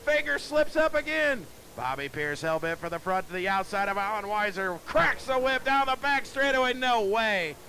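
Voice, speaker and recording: A man calling a dirt track race live, excitable and breathless, often shouting as the action builds. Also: high-pitched, normal speed, hardly any pauses, slight background noise. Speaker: race announcer.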